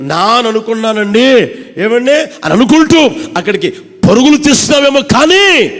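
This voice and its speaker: A pastor preaches a sermon to his congregation. He swings between shouted peaks and hushed low lines, repeating phrases and addressing his listeners directly. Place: church service. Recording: long church hall reverb.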